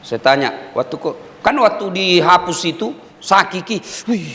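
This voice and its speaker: A man preaching a humorous sermon to prison inmates with a Makassar Indonesian accent, swinging between loud emphasis and low asides as he acts out little dialogues. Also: animated, a little slow, slight background noise. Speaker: Islamic preacher. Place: prison hall. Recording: hall reverb.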